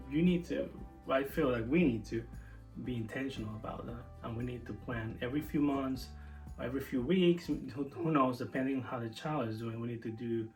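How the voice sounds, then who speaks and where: A young man from Venezuela talks casually and earnestly to camera, thinking aloud and restarting his sentences. His voice sits at an everyday middle pitch. Faint music plays behind him. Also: a little mellow, rough recording. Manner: earnest, reflective, many restarts. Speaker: co-host of a family channel.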